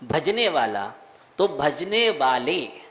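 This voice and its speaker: A man, a monk, teaching the recitation of a devotional verse, slowly sounding out each word and asking listeners to repeat. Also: a little high, sing-song, a bit bright. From India. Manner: slow, repeats words, quizzes listeners; chants verses in a sung tone. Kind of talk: recitation and pronunciation lesson.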